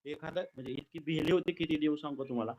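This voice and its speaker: A man performing a kirtan, telling a sacred story in a lively, dramatic way with comic asides. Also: a little high, quick pace, lo-fi sound.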